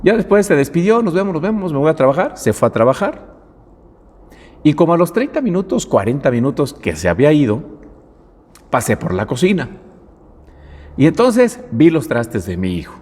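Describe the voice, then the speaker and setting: Middle-aged mexican pastor guy, husky, swoops up and down a lot telling a story, big echoey church hall. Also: a little high, normal speed, long pauses. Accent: Mexican Spanish. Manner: animated storytelling, acts out quotes. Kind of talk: sermon with personal story. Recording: long hall reverb.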